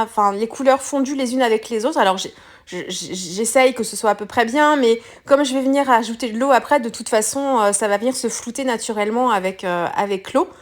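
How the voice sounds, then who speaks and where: A woman with a voice a little higher than most talks through a craft project step by step. Her delivery is relaxed and unscripted. She pauses often with fillers and restarts her sentences as she works. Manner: hesitant, frequent fillers and self-corrections. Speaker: craft tutorial presenter. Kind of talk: casual step-by-step demonstration.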